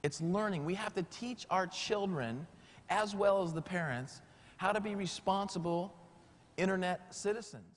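A man giving a motivational speaker's pitch, energetic and emphatic, repeating words for punch. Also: normal speed.

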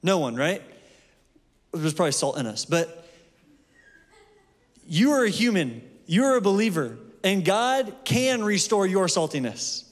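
A man's voice: high voice, big pitch swings, measured pace, long pauses. A man preaching a sermon in a church in a loose, conversational way, with fillers and restarts. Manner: conversational, with fillers and self-corrections. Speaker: pastor. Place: church sanctuary. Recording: long hall reverb.

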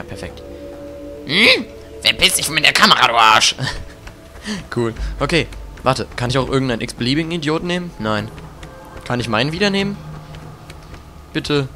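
Brief: young man, crude let's play commentator, animated voice, game music underneath. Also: mid-range voice, moderate pace, pauses often. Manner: crude, swearing, yells at the game. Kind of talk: casual gameplay commentary.

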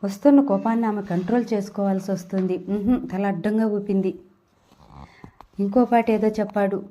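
A woman narrating an audio novel in a steady storytelling read. Her tone is mellow and soft-edged, with ordinary pitch for a woman. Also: fairly quick.

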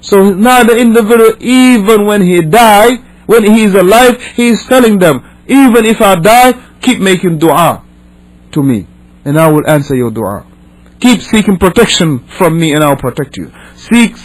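Captured on poor audio, a Senegalese imam with a high, expressive voice teaches religion in English, which is not his first language. He speaks fairly quickly, reading and explaining emphatically while repeating, rewording, and throwing out rhetorical questions.

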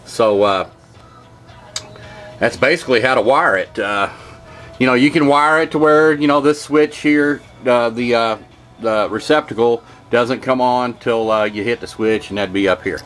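This Kentucky man, an HVAC technician, talks at a moderate pace in a mid-range, somewhat bright voice while showing how to do a job in his home workshop with wood-paneled walls. His style is folksy and wandering, peppered with "uh" and "okay, y'all," over soft background music.

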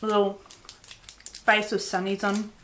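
A woman's voice: medium pitch, completely flat delivery, measured pace, fairly bright tone, a little hiss or hum. Chatty Australian woman tasting snacks. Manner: chatty, talks while chewing. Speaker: host. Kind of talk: casual snack-tasting chat.

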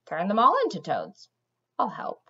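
Trouble: a dry, blunt tomcat, read by a woman, lowish and plain, storybook voice, lo-fi sound. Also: wildly swooping pitch, moderate pace, husky.

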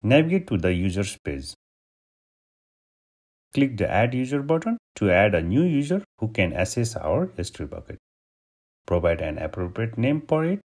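A man from Nepal hosting a step-by-step software tutorial, giving steady instructions over a screen recording. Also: lowish voice, moderate pace, pauses often. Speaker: tutorial host.

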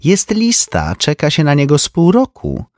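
A sharp-eyed, fashionable rich woman, knowing and appraising, as a male narrator puts her on. Her voice sits well above his own. The sound is dry and close. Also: fairly high pitch, wildly swooping pitch, moderate pace, dry recording, pitched above the performer's own voice.

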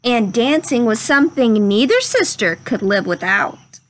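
A young woman storyteller reads a picture book to children and talks with them simply and instructively, outdoors beneath a covered wooden pavilion. Her fairly high voice is expressive and a little slow, on a low-quality recording with slight hiss or hum.

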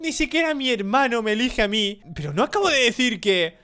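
Whiny jealous teen sister, as a man reads her in a high voice that swings around, loud and clingy, game voice. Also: sing-song, brisk, smooth, soft background music, full character voice. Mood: sulky. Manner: whiny, childish taunting.

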